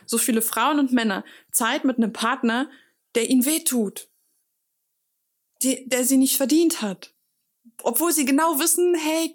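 Casting: woman, higher-pitched voice, casual unscripted monologue, acts out quoted lines. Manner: talks freely with fillers, acts out quoted dialogue.

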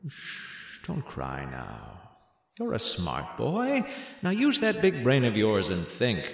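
An actor playing a smooth, manipulative man who coaxes and hushes a child in an audio drama. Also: mid-range voice, huge pitch swings, measured pace. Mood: soothing. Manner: coaxing, hushing, questioning tags. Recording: roomy, echoing sound.

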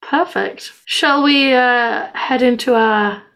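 Higher-pitched woman co-host. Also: slow pace, vocal fry, poor audio. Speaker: podcast co-host. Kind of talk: casual chat.

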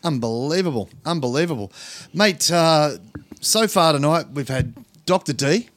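A man's voice: on the high side, lively intonation, moderate pace, fairly bright tone, no echo. An Australian man co-hosting a crude comedy podcast, swearing and laughing through mock-formal banter. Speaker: podcast co-host.

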